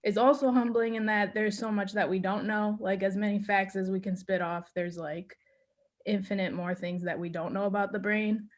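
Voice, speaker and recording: A woman with a middle-pitched voice talks in a casual group discussion, easy and chatty. She sprinkles "like" through her sentences as she shares what she knows. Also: fairly even intonation, normal speed. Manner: chatty, leans on "like". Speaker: class participant with a cognitive science degree.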